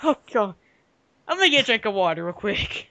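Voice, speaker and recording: A young man reading a story aloud casually for comedy, giggly and excitable, often breaking off to riff on it. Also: sits high, brisk, no echo. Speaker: co-reader of a dramatic fan fiction reading. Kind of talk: casual comic read-aloud with ad-libbed commentary.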